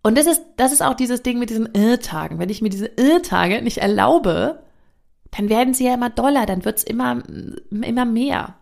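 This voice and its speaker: Woman podcaster with a creaky voice. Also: fairly high pitch, animated, normal speed, darkish tone. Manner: frank, reflective, swears casually. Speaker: podcast host. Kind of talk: casual self-help monologue.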